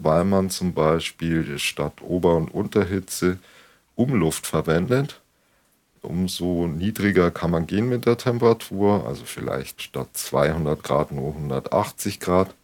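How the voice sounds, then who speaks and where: A man with a low voice explains practical things as a consultant would on a home visit. His has a slight colouring, and he talks in a conversational, instructive way. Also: measured pace, darkish tone. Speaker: energy consultant. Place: on location in a home kitchen.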